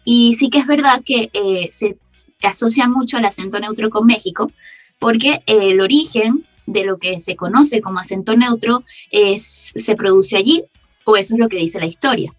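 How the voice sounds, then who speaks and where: A woman from Venezuela with a softened Caracas accent, a voice actress explaining her craft in a casual podcast interview, often breaking into laughter. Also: medium pitch, moderate pace, no room sound, faint music behind. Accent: Caracas Venezuelan Spanish, softened. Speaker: voice actress guest.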